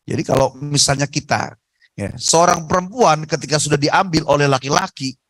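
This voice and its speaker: Higher-voiced male preacher on radio. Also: moderate pace, dry recording, rough recording. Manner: storytelling, lively and emphatic. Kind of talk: religious talk on radio. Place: radio studio.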